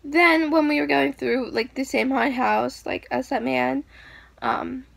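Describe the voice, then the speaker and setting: High, creaky young woman rambling. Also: measured pace, dry recording. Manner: rambling, many fillers and restarts; animated, acting out quoted screams. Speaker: vlogger. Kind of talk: casual storytelling.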